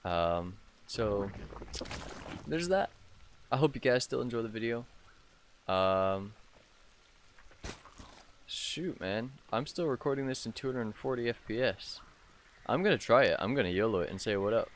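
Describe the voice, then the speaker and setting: A young man with a sick, hoarse voice hosts a casual commentary of his own strategy game match. He talks in a loose, rambling way, full of ums and restarts. A faint noise sits under the recording. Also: mid-range voice, expressive, a little slow, pauses often. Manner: rambling with many "um" fillers. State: sick with a sore throat. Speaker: gaming channel host casting his own match.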